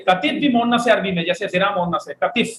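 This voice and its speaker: A man's voice: high-pitched, quick pace, a bit bright. A man teaching Arabic vocabulary in a classroom lecture. He drills words and has his students repeat them after him. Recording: echoey room, faint background noise.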